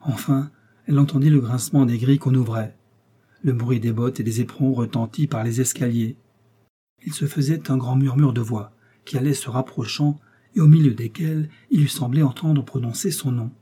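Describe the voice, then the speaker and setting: A male audiobook narrator reads a classic novel in a steady, dramatic way. His voice is very dark and mellow, with a husky grain. The pitch sits in a middle range. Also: normal speed.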